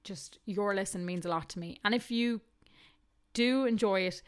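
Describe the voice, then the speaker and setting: A woman hosting a podcast, chatty and quick to laugh. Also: mid-range voice, clean tone. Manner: chatty, warm, laughs often. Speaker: podcast host. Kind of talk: casual podcast chat.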